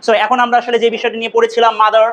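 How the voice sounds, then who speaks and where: Male grammar teacher, very high and flat, drills words, quizzes class. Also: racing, lo-fi sound. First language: Bengali. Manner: repeats words for drill, asks students questions.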